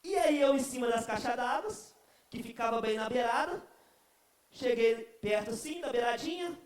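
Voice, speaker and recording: A young man preaching to a youth group, telling a story in an animated, comic way. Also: very high voice, normal speed. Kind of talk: storytelling sermon. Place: church. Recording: echoey church hall.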